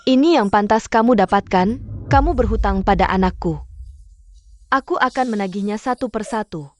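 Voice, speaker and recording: A woman's voice: mid-range voice, normal speed, no room sound, natural voice. An actress voicing a cold, commanding middle-aged mother in a dubbed short drama, harsh and threatening. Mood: menacing. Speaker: Mrs. Fang.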